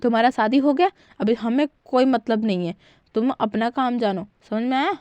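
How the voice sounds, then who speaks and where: A woman's voice: on the high side, moderate pace, a little mellow, dry recording, lightly acted. A woman voicing a stern middle-aged mother who scolds her daughter harshly through gritted teeth. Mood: scolding.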